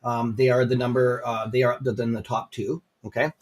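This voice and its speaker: A Canadian man with a mid-range voice and flat delivery talks fairly quickly as a guest presenter on a stock livestream. He rambles casually through stock holdings, full of fillers but friendly in tone.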